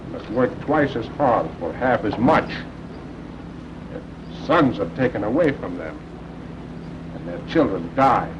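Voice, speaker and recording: An actor playing a stern, world-weary resistance worker, admonishing a comrade deliberately in a 1940s film. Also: male voice, fairly low pitch. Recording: noisy, dull 1940s film soundtrack.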